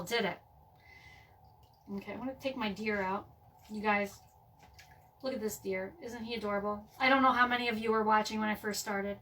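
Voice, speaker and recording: A woman's voice: mid-range voice, pushed and bright, far from the mic, a little hiss or hum. A woman chatting through a casual craft tutorial at home, with lots of fillers and frequent "okay?" check-ins, saying she is losing her voice. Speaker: craft vlogger.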